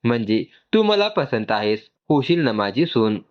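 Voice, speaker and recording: A man voicing a warm, teasing middle-aged mother in a read-aloud story. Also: mid-range voice, very animated, a little slow, dull audio. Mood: affectionate. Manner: affectionate, teasing.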